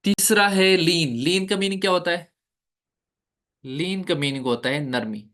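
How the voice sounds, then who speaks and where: A man's voice: high voice, measured pace, a bit bright. A man teaching a recitation class. He explains each point step by step, asks the class questions and demonstrates the sounds. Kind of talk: classroom lecture.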